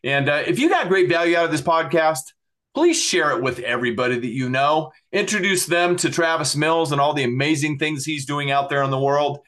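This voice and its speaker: A man's voice: on the high side, expressive, brisk, fairly bright tone. A middle-aged man hosting a podcast, earnestly thanking his guest and listeners and plugging websites, with many fillers. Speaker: podcast host.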